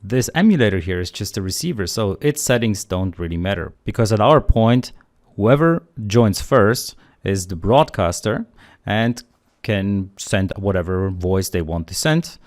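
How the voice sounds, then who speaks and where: In a screencast tutorial, a male programming instructor with a fairly low voice walks through code step by step. His manner is calm, relaxed and conversational.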